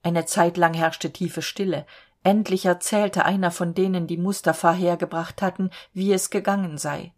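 A woman storyteller reading a fairy tale aloud in a calm, measured way. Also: on the low side.

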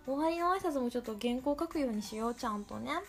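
A woman's voice: high voice, animated, fast, soft background music. A woman podcast host with a cute, girlish anime-style voice, talking casually and rambling in a playful, self-deprecating way. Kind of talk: casual solo podcast talk.

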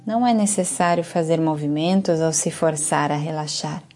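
In a low voice, a Brazilian Portuguese-accented woman instructs a yoga nidra relaxation, her pace unhurried and her tone calm and soothing. Soft music plays underneath.

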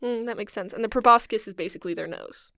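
A young woman co-hosting a casual podcast, curious and quick to ask questions and laugh along. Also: mid-range voice, vocal fry, fairly bright tone, no room sound, clean studio sound. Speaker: podcast co-host asking questions. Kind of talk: casual chat.

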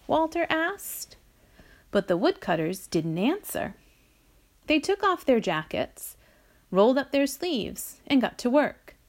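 Slow, expressive woman reading a storybook. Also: on the high side. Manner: slow, expressive read-aloud delivery. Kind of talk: reading a children's picture book aloud.

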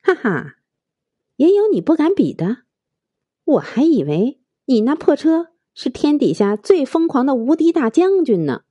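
A woman's voice: high-pitched, big pitch swings, unhurried, warm tone, no room sound, lo-fi sound, voice pushed up. A woman voicing a bossy young woman who taunts and gives orders in a storybook tale. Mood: mocking. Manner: taunting, commanding.

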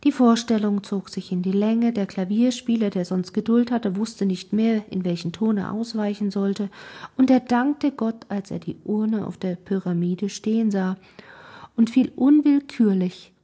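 A woman narrating a classic novel aloud in a soft, breathy, partly whispered delivery. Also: mid-range voice. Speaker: audiobook narrator.

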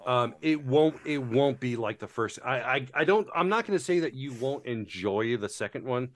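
A man's voice: mid-range voice, animated, normal speed. A man casually chatting about board games, rambling with lots of fillers and restarts and casual swearing. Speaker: board game reviewer. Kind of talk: casual chat.

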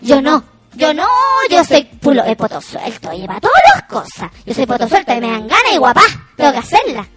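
Over background music, a woman reading chat on a comedy stream plays a brash, unfiltered young cousin who works in retail. Her Chilean Spanish accent, crude slang and shrill, loud laughter come with big pitch swings and a slightly fast pace.

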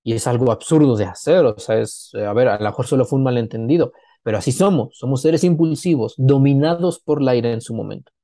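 A man's voice: medium pitch, brisk, hardly any pauses, no echo, studio quality. A middle-aged man, a consultant talking casually on a podcast and acting out the people in his stories. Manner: animated storyteller, acts out quoted dialogue. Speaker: business consultant, podcast guest.

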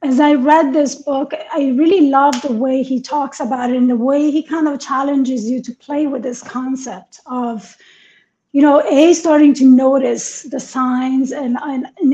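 High-voiced woman, dull lo-fi sound. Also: dark tone. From raised in Italy. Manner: earnest, reflective, laughs easily. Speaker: co-host, life coach. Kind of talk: casual podcast chat.

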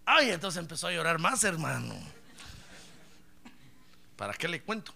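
A man's voice: fairly high pitch, sing-song, moderate pace, gravelly, sharp tone. A middle-aged man, a pastor, preaching a sermon and acting out both sides of a story's dialogue, calling his listeners brother. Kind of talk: sermon with acted anecdote.

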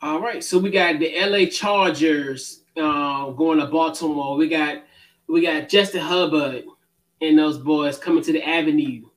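High-voiced, easygoing male sports podcast host. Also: steady tone, measured pace. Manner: easygoing, loose, many fillers and restarts. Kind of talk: casual sports picks chat.

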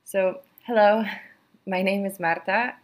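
A young woman, hosting a podcast and telling her own story in an earnest, halting way. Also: mid-range voice, steady tone, music in the background. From Poland. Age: 20s. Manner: earnest, halting, with many pauses and fillers. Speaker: podcast host. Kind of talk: personal talk to listeners.

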